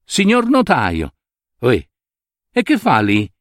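A man's voice: mid-range voice, huge pitch swings, takes it slowly, fairly bright tone, no room sound, clean studio sound, heavily acted. A man voicing a cheerful, teasing male friend with a jovial, bantering manner.

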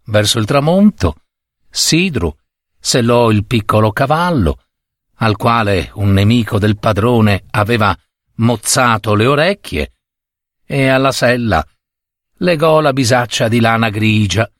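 A man narrating a story in a measured, deliberate reading voice. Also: mid-range voice, expressive, a bit bright, dry recording, studio quality.

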